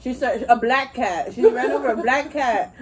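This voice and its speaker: A woman's voice: fairly high pitch, normal speed, a crowd in the background, poor audio. A young woman co-hosting an eating video, speaking animatedly and addressing viewers directly. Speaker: co-host. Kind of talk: casual mukbang chat.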